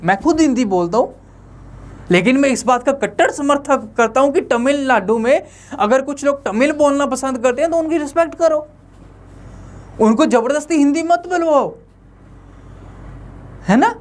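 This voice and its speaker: A young man teaching an online lecture in a conversational way, often asking the viewers rhetorical questions. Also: extremely high pitch.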